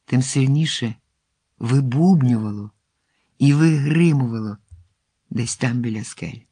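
A man narrating a fairy-tale adventure in an expressive storybook reading, dropping to a hush at tense moments. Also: mid-range voice, dry recording.

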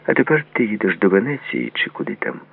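A man's voice: lowish voice, sing-song, fast, vocal fry, pitched above the performer's own voice, full character voice. A man voicing a terse, wary gamekeeper who answers in short, clipped phrases. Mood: curt. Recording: tinny phone-like lo-fi audio.

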